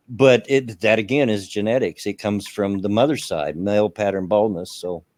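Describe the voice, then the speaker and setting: A man's voice: lowish voice, moderate pace, darkish tone, no echo. Man in his fifties, dry close sound. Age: 50s. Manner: rambling, reads chat messages aloud. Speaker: stream host. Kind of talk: casual livestream chat. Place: home, on a laptop camera.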